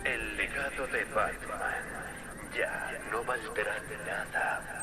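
A cold, menacing masked villain. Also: male voice, lowish voice, noisy background. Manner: slow, threatening broadcast speech. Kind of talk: Spanish game dub. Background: loud game music.

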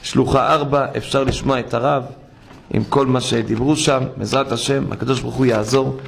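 A man preaching a sermon as a rabbi in a synagogue, swinging from low murmured asides to high, impassioned cries. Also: fairly even intonation, gravelly. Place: synagogue hall.

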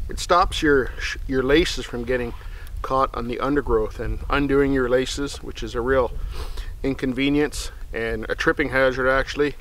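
A middle-aged man, sitting in a snowy forest, hosts his outdoor channel with casual, rambling talk to the camera and quiet comments to his dog. He has a mid-range voice. The audio is poor, with slight background noise.

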